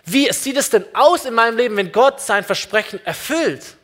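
A man's voice: extremely high pitch, lively intonation, normal speed. A man preaching a sermon, earnest, asking the congregation many direct questions. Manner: addresses listeners directly and warmly. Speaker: pastor.

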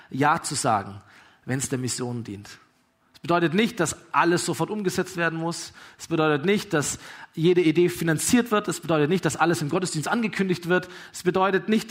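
A man preaching a sermon with earnest encouragement, retelling scripture stories. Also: a little high. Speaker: pastor.

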